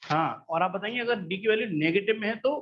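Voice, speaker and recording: A man's voice: sits high, quick pace, muffled recording. A man teaching a math class, patient and coaxing, often checking that students follow along. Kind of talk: classroom lesson.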